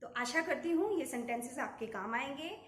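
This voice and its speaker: A woman giving a home-teaching lesson as a YouTube teacher, mixing Hindi with English words. She talks deliberately and repeats model sentences. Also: high voice, lively intonation, a little hiss or hum.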